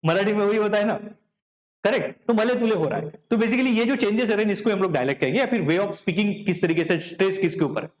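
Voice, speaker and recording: High-voiced man teaching. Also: brisk, echoey room. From Vidarbha, Maharashtra. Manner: checks in with the class often, asking "correct?" and "clear?". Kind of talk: classroom lecture in Hindi mixed with English. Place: classroom.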